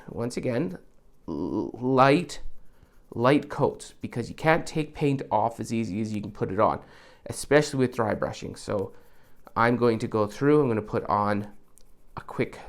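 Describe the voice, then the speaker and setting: A man who makes props, talking through a painting tutorial in a chatty, rambling way with casual asides. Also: mid-range voice. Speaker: prop maker.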